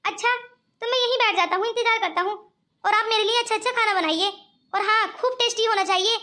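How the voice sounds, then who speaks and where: Woman doing a cartoon grandson, affectionate and questioning, very high bright voice. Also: quick pace. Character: young male grandson, a businessman. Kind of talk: cartoon voice acting.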